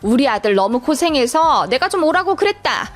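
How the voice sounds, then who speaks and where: Scolding older mother-in-law, voiced by a woman reader, high pitched, lively intonation, soft music behind. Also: normal speed. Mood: defensive. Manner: scolding, lecturing in informal speech. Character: sharp-tongued older Korean mother-in-law, defensive and scolding.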